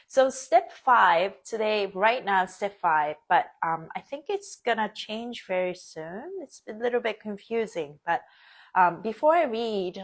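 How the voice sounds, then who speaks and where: A woman born and raised in Japan, hosting a casual live stream, chatty with frequent laughs and many fillers. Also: mid-range voice. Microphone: phone or webcam, live stream.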